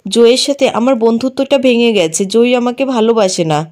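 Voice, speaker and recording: Feverish, delirious young girl who pleads, read out by a woman narrator, slightly high voice. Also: lively intonation, a little fast, darkish tone, close to an everyday voice.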